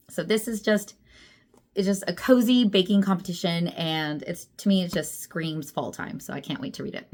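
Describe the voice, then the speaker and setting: A young adult woman chatting casually about books, laughing often and poking fun at herself. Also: lowish voice. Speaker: book vlogger. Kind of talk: casual chat.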